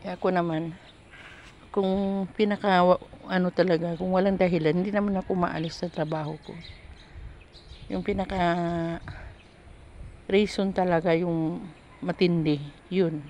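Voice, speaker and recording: A woman with a lowish voice talks casually and candidly about her days working in a household. She rambles, breaks off mid-phrase and picks the thought back up. A faint hiss of noise sits under the recording. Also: fairly even intonation, measured pace, pauses often, darkish tone, highs cut off. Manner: candid, rambling storytelling with frequent restarts. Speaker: domestic helper vlogger. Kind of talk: casual chat.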